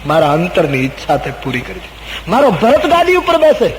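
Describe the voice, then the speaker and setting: A man's voice: high voice, wildly swooping pitch, brisk, pitched above the performer's own voice. A man voicing a devoted young prince, an earnest son who pleads urgently and emotionally. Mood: grateful. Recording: echoey room, faint noise.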